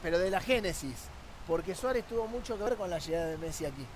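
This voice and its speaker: Argentine guy on a sports panel, high voice, pushes his point w rhetorical questions, faint noise behind. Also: lively intonation, quick pace. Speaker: sports journalist guest. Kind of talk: sports talk panel discussion.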